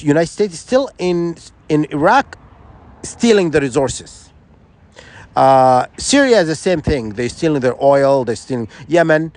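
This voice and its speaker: A man's voice: a little high, a little mellow. A man from Sudan, giving an insistent, rambling opinion monologue full of restarts and rhetorical questions. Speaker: vlogger.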